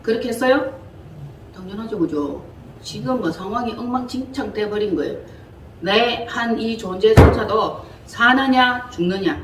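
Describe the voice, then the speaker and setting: A woman leading an interactive Bible lesson, talking in a lively, colloquial way and quizzing her listeners. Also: a little high. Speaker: Bible teacher. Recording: echoey room from far off, faint hiss.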